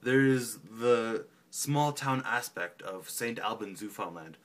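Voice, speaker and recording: A man's voice: fairly low pitch, lively intonation, takes it slowly. A man from Canada rambling casually on his vlog, profane and self-mocking. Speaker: vlogger.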